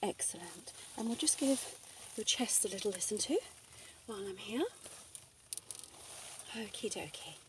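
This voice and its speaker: A woman playing a flirty, teasing female doctor in a soft ASMR role-play, coy and playfully bossy. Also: mid-range voice, animated, a little slow, pauses often, recorded from a distance, slight background noise, close to an everyday voice. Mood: brisk, playful.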